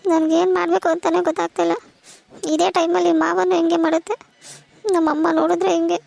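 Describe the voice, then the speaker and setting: Woman playing a crying cartoon teen girl, very high and narrow-pitched, fast, gravelly, pleading. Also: level tone, darkish tone, full character voice. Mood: worried. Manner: pleading, worried questions. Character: tearful teenage village daughter, anxious and pleading. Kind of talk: cartoon voice acting.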